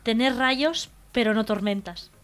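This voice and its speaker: A woman's voice: on the high side, unhurried, a bit bright. A woman co-hosting a radio comedy show, telling short riddles and jokes in a playful way.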